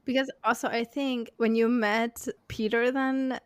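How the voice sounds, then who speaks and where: A woman's voice: fairly high pitch, flat delivery, measured pace, clear, resonant tone, dry recording, clean studio sound. A woman hosting a podcast interview, asking curious questions and giving frequent small listening sounds. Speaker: podcast host. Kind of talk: casual interview.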